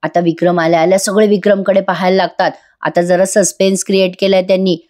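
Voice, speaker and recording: A woman's voice: on the low side, little pitch movement, fast talker, a little mellow. A woman giving a voice-over review of a TV episode, chatty and sympathetic as she speaks to viewers. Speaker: TV serial reviewer.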